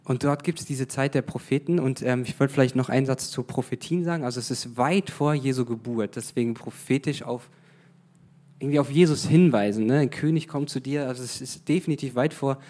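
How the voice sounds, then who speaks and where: A man's voice: mid-range voice, brisk, mellow. Casual, hesitant male preacher. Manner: conversational, mixes in English phrases; hesitant fillers, restarts. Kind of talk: informal sermon.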